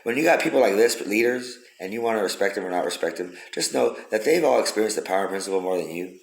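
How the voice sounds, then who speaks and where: Fast, gravelly man ranting. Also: fairly low pitch, lively intonation. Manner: profane, rambling, emphatic repetitions. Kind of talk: rambling philosophical monologue. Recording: roomy echo.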